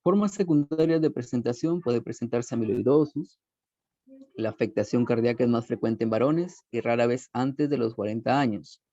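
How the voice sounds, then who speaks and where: A man works through a medical lecture from slides in a mellow, dark voice, listing terms one after another and often restarting a word. The sound is dull and muffled, with a dry, close feel and no room around him. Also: mid-range voice, moderate pace, no room sound. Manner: methodical, lists terms one by one with frequent restarts.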